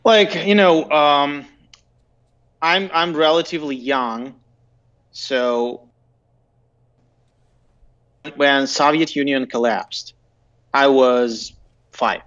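A man in his thirties with a Belarusian accent, telling stories casually and haltingly as an interview guest. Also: medium pitch, a bit bright. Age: 30s. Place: indoor room, video call. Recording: dull lo-fi video-call audio.

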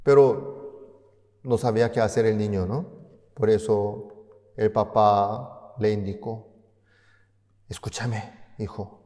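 A man telling a story as a sermon, in a slow, halting way with restarts and tag questions, with long hall reverb. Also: fairly low pitch, steady tone, warm tone. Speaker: speaker at an online concert.

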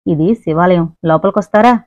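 A woman voicing a polite, calm young man who speaks softly and teases gently, in an audiobook reading. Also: on the low side, a little fast, no room sound, pitched below the performer's own voice, lightly acted. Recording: dry, narrow phone-like sound.

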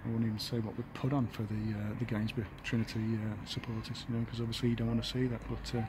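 A man in his fifties, an English football manager, giving a halting post-match interview outdoors by the pitch, full of fillers and restarts. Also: level tone. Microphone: handheld camera at close range. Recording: outdoor noise behind.

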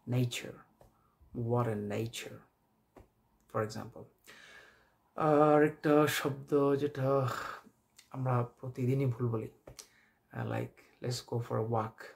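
Gravelly-voiced man teaching pronunciation. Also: medium pitch, a little mellow. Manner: slows to drawn-out, careful model words between quick explanations; mixes English words into his speech. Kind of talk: casual spoken lesson.

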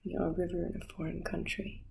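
A woman in her twenties playing a melancholy, self-aware young woman in a pensive dramatic monologue, speaking in a hushed way with long pauses. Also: lowish voice, little pitch movement, gravelly, a little hiss or hum, rough recording. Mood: pensive, wistful. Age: 20s. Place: living room, indoors.

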